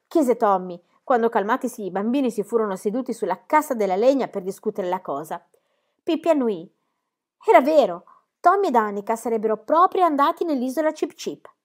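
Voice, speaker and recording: A woman reading a children's novel aloud in an expressive, animated way. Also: a little high, a little fast. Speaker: reader.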